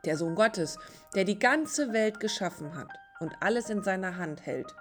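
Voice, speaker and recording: A woman narrating a children's Bible story in a gentle, clear storytelling manner. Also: mid-range voice, animated, normal speed, faint music behind.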